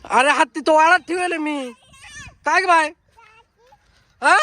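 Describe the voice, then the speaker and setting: A woman in a village comedy sketch, scolding loudly and repeating her orders outdoors. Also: high-pitched, takes it slowly, a little hiss or hum. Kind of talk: loud scolding rural chatter.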